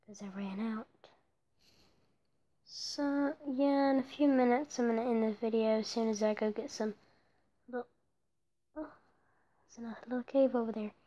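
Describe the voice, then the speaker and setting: This woman, a let's play creator, narrates her mobile block-building gameplay casually into her phone, wandering off topic and frequently whispering softly. She speaks at a somewhat high pitch.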